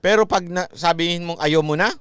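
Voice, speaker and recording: High-voiced man ranting in a vlog. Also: a little fast, smooth, soft background music. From Philippines. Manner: rambling and animated, with sing-song mocking asides. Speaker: vlog host. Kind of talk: casual political commentary.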